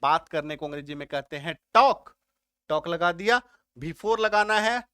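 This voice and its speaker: A man's voice: on the high side, expressive, normal speed, bright, forceful tone, smooth, dry recording. A man teaching English grammar step by step, often stopping to check whether his students have understood. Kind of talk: spoken grammar lesson.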